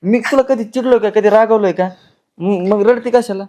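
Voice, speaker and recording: An actor playing a mild, devoted young husband and son who speaks softly and reassuringly. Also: male voice, high voice, normal speed, natural voice. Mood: soothing. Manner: soft, soothing.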